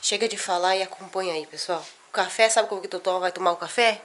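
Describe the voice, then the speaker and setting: Chatty Brazilian mom vlogger. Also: female voice, medium pitch, quick pace, fairly bright tone, a little hiss or hum. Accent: Brazilian Portuguese. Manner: chatty, teasing, talks straight to viewers. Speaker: vlogger and mother. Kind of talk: casual talk to camera. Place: at home, indoors.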